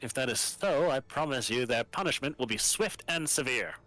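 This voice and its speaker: A man's voice: medium pitch, animated, normal speed, sharp tone, low-quality recording. A man voicing a stern military governor in a game, with a curt, formal, commanding manner.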